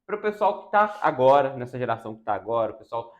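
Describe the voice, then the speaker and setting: A man's voice: mid-range voice, big pitch swings, fast talker. A man with a Minas Gerais accent hosting an interview, asking questions in a hesitant way with fillers. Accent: Brazilian Portuguese, Minas Gerais. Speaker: interview host. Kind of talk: casual interview.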